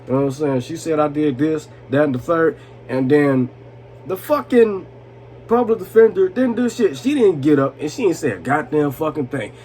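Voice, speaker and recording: A man's voice: a little high, animated, normal speed, darkish tone, a little hiss or hum. A young man in his twenties, tipsy from drinking, telling a heated, profane story to the camera. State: tipsy from vodka. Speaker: vlogger. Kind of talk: drunk storytime monologue.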